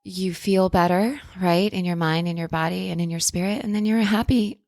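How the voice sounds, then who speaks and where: A woman's voice: fairly low pitch, fairly even intonation, a little fast, darkish tone, dry recording, clean studio sound. A woman hosting a podcast in a self-help influencer style, speaking casually and earnestly with spiritual encouragement and affirmations.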